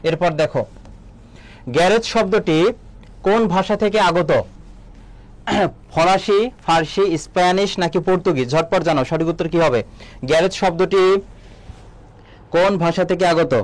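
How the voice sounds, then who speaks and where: A young man teaching a live online exam-prep class, asking quick questions and reading out viewers' comments. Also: high voice. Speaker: admission coaching teacher.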